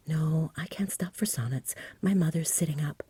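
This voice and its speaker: A woman voicing a sensible, frank young boy from a storybook in a soft whisper, earnest, polite and matter-of-fact. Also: low voice, normal speed, slightly rough, no room sound. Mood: exasperated, earnest.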